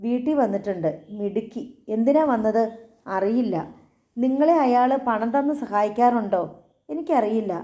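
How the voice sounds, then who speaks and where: A woman voicing a menacing older male boss who questions a frightened girl with measured threats. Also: on the high side, mellow, dull audio, natural voice.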